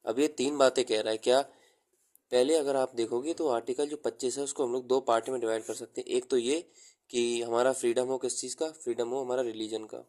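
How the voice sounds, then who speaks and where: Man teaching slowly, flat mellow voice. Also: mid-range voice. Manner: explains slowly, repeats key terms while writing them down; mixes Hindi with English terms. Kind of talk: exam-prep lecture.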